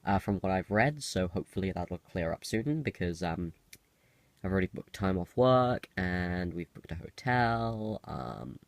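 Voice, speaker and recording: A man's voice: sits low, very animated, a little slow, creaky, dry recording. A young man with a cold that makes the voice a bit harsh, giving a casual, rambling personal update in a hesitant, self-interrupting way. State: has a cold. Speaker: video diarist.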